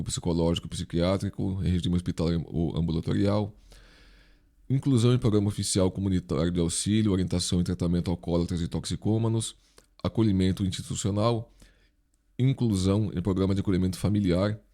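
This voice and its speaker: Warm in tone and sitting low, the voice belongs to a Brazilian instructor and online video host. He's leading a casual exam review lesson while a dental retainer slightly muddies his articulation.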